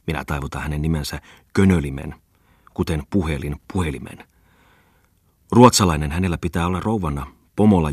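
A man reading an audiobook voices a loud, excitable lame man who rants scornfully and breaks into shouts. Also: rumbling low, slightly rough, dry recording, clean studio sound. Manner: raves loudly, jumps into shouts. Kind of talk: audiobook character voice.

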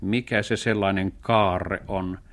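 A man voicing an eager, naive male dog in a children's radio story, talking in an excitable, simple-hearted way. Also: low voice.

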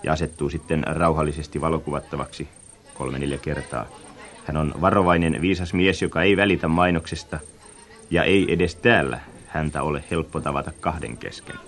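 A man with a very low, deep voice narrates a radio reportage. He speaks in a measured way, lingering over his descriptions and reflecting on what he sees. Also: steady tone.

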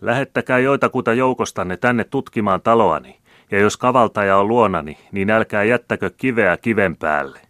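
A man reading the part of a cunning, fearless count who loudly rouses an angry crowd. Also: fairly low pitch, dry recording, studio quality, voice pushed up, lightly acted. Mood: rousing. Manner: loud, rousing oratory. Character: cunning, fearless male count rousing a mob.

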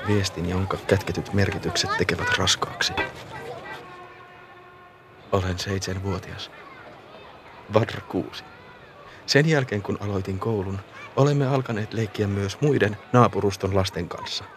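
A man narrating a radio play as a boy remembering his childhood, in a calm, reflective and often hushed manner. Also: deep voice, pauses often, slight background noise.

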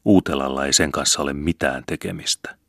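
A man reading a defiant young farm daughter in an audiobook, with sharp retorts. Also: extremely low pitch, creaky, dry recording, studio quality, heavily acted.

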